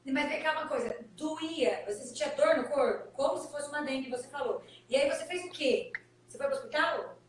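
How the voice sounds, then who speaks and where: A woman's voice: sits high, lively intonation, fairly quick, slight background noise. Distant echoey woman asking questions. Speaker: interviewer. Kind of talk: live-stream interview questions. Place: clinic.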